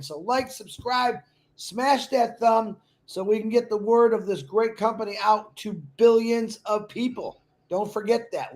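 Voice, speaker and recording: A man with an unusually high voice co-hosts a casual livestream. He makes a pushy promotional pitch and breaks off into laughing asides. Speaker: livestream co-host.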